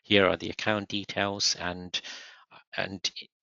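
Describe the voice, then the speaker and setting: Man, low flat gravelly voice, slightly hoarse, halting with fillers, dull lo-fi call audio. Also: no room sound. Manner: halting, many restarts and fillers. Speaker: presenter. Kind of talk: unscripted online presentation.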